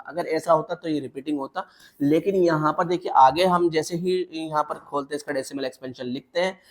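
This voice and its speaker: A man teaching a maths lesson, walking step by step through examples and checking in with the class. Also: a little high. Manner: repetitive checks with the class, mixing English terms into Hindi. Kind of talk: classroom lecture.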